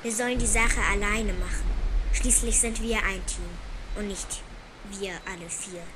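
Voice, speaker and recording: A woman voicing a shy male magic horse in a storybook, speaking low and hushed. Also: steady tone, measured pace, background noise, natural voice. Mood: calm.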